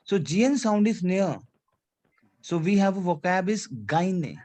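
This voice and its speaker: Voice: mid-range voice, moderate pace, mellow. Teacher mixing English and French. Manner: repeats phrases, checks understanding with "C'est clair? D'accord?"; mixes English with French phrases and a little Hindi. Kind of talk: online language class.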